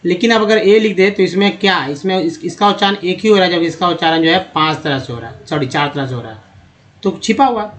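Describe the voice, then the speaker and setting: A man's voice: high-pitched, quick pace. A man teaching English pronunciation in Hindi, explaining step by step and asking questions that he answers himself. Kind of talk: classroom-style explanation.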